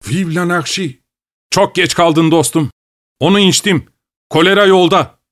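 A man's voice: medium pitch, measured pace, no room sound, clean studio sound, close to an everyday voice. A man doing a fanatical, theatrical anarchist. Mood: defiant. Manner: theatrical, self-pitying declarations. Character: fanatical male anarchist, vain and defiant.

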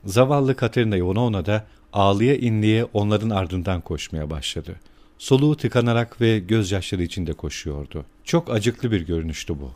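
A man narrating an audiobook in a measured storytelling manner. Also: lowish voice, a little mellow. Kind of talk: scripted narration.

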